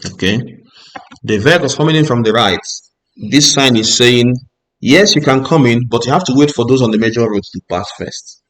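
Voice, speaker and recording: A man talking through a driving theory lesson in a steady, patient way. His voice sits at an ordinary middle pitch. He reads out each rule, then explains it plainly and checks in with the listener. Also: moderate pace.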